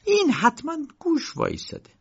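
A man voicing a hot-tempered middle-aged uncle who talks in a loud, demanding way in an audiobook, on a dull lo-fi recording. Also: very high-pitched, huge pitch swings, gravelly, pitched above the performer's own voice, full character voice. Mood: brusque. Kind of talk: audiobook character voice.

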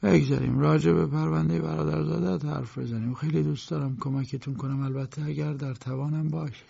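A man voicing a frail, bedridden old lawyer who speaks slowly and weakly in an audiobook, on a dull lo-fi recording. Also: a little high, fairly even intonation, gravelly, slightly rough, voice pushed up, full character voice. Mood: weary. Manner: slow, weak, soft-spoken. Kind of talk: audiobook character voice.

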